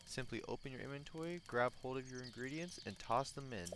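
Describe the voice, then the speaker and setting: A man reading a lonely old hermit's lines in a slow, earnest, theatrical voice. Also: medium pitch, a bit bright, soft background music, natural voice. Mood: wistful. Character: lonely old male hermit, gentle and wistful. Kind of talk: reading game dialogue in a put-on voice.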